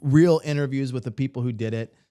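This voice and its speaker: A man's voice: medium pitch, fast, warm tone, clear, resonant tone. Man, mid-range voice, casual podcast co-host, eager and enthusiastic. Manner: enthusiastic, recommends things eagerly. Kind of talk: casual chat.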